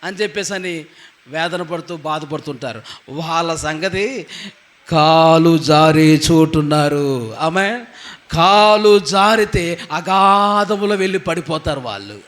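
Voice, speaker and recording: High-voiced preaching pastor, emphatic. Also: male voice, takes it slowly, a bit bright. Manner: emphatic preaching, asks the congregation rhetorical questions and answers them; punctuates lines with hallelujah and amen. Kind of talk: sermon.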